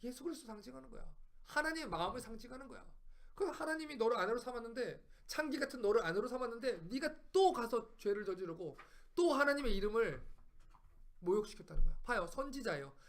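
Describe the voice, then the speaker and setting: High-voiced man preaching a Bible lesson. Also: expressive, quick pace, a bit bright. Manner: emphatic, fires rhetorical questions at listeners; repeats phrases for emphasis. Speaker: Bible study teacher.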